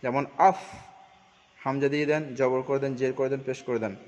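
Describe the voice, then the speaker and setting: A man teaching Quran pronunciation, speaking slowly and repeating each letter's sound drill several times. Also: medium pitch, little pitch movement, a little mellow. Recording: dull audio with long reverb.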